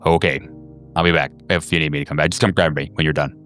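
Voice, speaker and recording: A man playing a weary, exasperated security guard in a halting, offhand way in a tabletop game. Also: very deep voice, steady tone, a bit bright, soft background music, pitched below the performer's own voice. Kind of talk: tabletop role-play.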